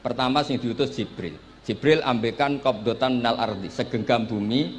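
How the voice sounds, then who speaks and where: A man's voice: medium pitch, normal speed, a little hiss or hum. Javanese man preaching with playful stories. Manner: storytelling with acted dialogue and joking asides. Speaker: Islamic preacher. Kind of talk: Javanese pesantren sermon.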